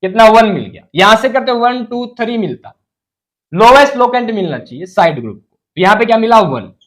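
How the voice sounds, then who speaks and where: A man's voice: high-pitched, very animated, fairly quick, fairly bright tone, poor audio. A man teaching chemistry as a lecture. He asks the class questions and then answers them himself, and he drops English terms into his explanations.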